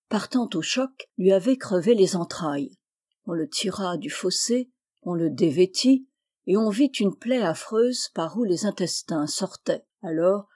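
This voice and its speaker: A woman narrating a classic short story aloud in a measured, expressive reading. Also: medium pitch. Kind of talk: literary audiobook reading.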